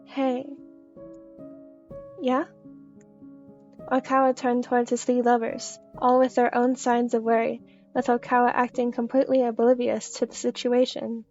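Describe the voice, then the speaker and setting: Higher-pitched woman narrating a story, lo-fi. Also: monotone, moderate pace, darkish tone. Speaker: fan fiction reader. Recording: slightly dull lo-fi audio under music.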